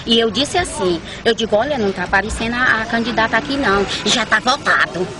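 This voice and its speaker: A woman's voice: on the high side, animated. Woman voter heard from afar in the street. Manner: plain, retelling dialogue, halting. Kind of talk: recounting an experience. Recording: distant street mic with traffic noise.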